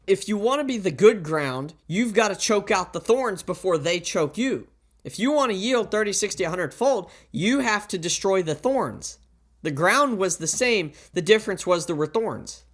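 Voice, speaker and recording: A man with a high-pitched voice preaches into a pulpit microphone. He talks in a plain, conversational way, tossing in rhetorical questions and repeating his warnings for emphasis. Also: expressive, normal speed, fairly bright tone. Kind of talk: sermon.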